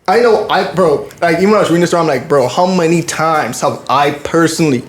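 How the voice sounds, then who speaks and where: A man's voice: a little high, a little fast. A man discussing faith casually in slangy speech, repeating phrases for emphasis. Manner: slangy, repetitive for emphasis, peppered with "bro". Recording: echoey room.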